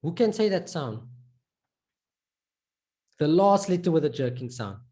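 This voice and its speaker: A woman leads a live online pronunciation lesson, patiently repeating each sound so her students can copy it. Her voice sits low and mellow. She swings her pitch widely as she models each sound. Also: sing-song, measured pace. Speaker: Arabic teacher.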